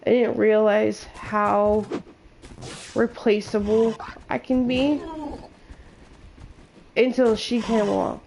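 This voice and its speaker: A woman's voice: fairly high pitch, little pitch movement, takes it slowly, vocal fry, pauses often, a little mellow, slight background noise. A young woman streamer venting to her viewers in a blunt, profane, emotional way.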